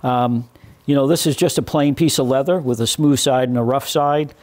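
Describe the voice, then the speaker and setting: A man in his sixties with a mellow, darker voice of middle height walks through a carving lesson at his workshop bench. He speaks deliberately, pausing on fillers and restarting phrases as he works. Close lapel-style sound. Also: mid-range voice, fairly even intonation. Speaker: woodworking instructor. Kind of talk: hands-on demonstration.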